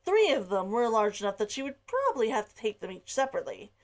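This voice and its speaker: This read-along narrator talks fast, on the high side, with big swings in pitch. She opens casually, laughing between lines, then reads her novel chapter by chapter.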